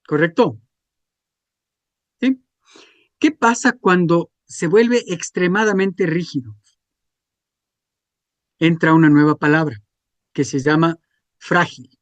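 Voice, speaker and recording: High-voiced male teacher. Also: slow pace, pauses often, no echo. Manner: asks the class frequent check questions. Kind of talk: classroom lecture. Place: classroom.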